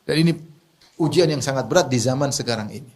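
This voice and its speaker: A man preaching a sermon in a lively, joking way, asking the audience questions and laughing at his own remarks. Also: medium pitch, fast. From Indonesia.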